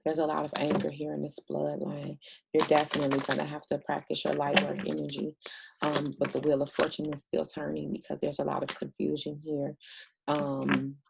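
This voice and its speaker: Woman doing a spiritual reading, gravelly creaky voice, flat delivery, cusses a lot. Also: low-pitched, moderate pace, very noisy. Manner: blunt and profane, many fillers. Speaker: spiritual reader. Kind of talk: casual spiritual reading to camera.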